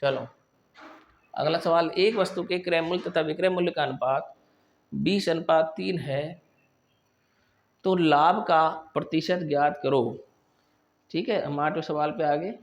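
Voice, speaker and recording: A man's voice: fairly high pitch, unhurried, long pauses. Man teaching maths step by step. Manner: explains step by step, often checking with "ठीक है". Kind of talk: classroom maths lesson.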